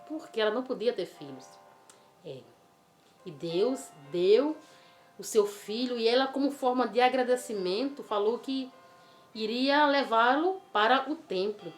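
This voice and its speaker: Lady telling kids a bible story, lively and coaxing, echoey room, soft music behind. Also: medium pitch. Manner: animated, coaxing, asks the child questions. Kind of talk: storytelling for children. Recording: roomy with faint music.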